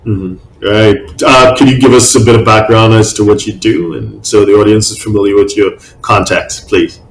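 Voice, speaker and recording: A man's voice: lowish voice, moderate pace, creaky. A man interviewing a guest in a casual way, asking open questions and giving frequent murmured agreement. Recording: roomy echo.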